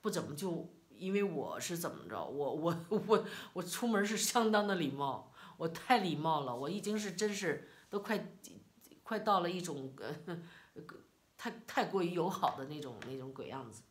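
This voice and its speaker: A middle-aged woman from China, telling a personal story in a casual, animated, indignant way. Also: lowish voice, normal speed. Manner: animated, indignant retelling with quoted dialogue. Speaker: vlogger.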